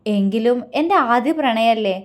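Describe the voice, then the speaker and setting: A woman voicing a calm young man who talks quickly and gently, reassuring. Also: on the high side, natural voice. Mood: gentle.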